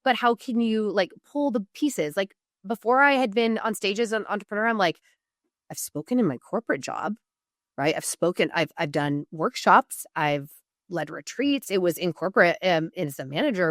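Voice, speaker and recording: A woman with a lowish voice, recorded at studio quality without echo, shares business advice as a guest on a podcast. Originally from Oregon in the United States, she keeps the interview conversational and coach-like, with emphatic asides and frequent self-interruptions.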